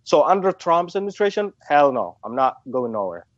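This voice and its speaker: A man's voice: fairly high pitch, very animated, brisk, no echo, muffled recording. A man from Somalia speaking in an interview, hesitant, with many restarts and fillers. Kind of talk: phone interview.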